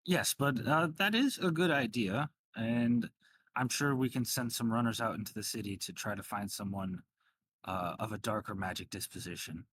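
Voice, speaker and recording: A man's voice: on the low side, normal speed, fairly bright tone, slightly rough. A man voicing a rambling, hesitant professor with a formal, polite manner in a tabletop game. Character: rambling, polite male professor at a draconic college.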